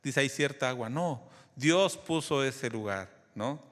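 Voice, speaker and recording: A man's voice: medium pitch, expressive, takes it slowly, a bit bright. Man preaching in a reverberant hall. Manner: conversational teaching, keeps asking the congregation questions. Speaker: pastor. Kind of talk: sermon.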